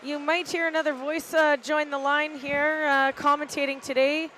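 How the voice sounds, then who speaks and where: A middle-aged woman giving casual, halting live play-by-play commentary from an arena balcony, with lots of "uh" fillers. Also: high voice, little pitch movement, fairly bright tone, a little hiss or hum, poor audio. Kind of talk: live amateur sports commentary. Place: arena balcony above the rink.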